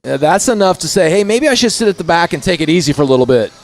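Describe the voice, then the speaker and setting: A man's voice: fairly high pitch, big pitch swings, fast talker. A man from Indiana giving chatty, folksy live commentary at a bike race. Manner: chatty, folksy, keeps saying "if you will".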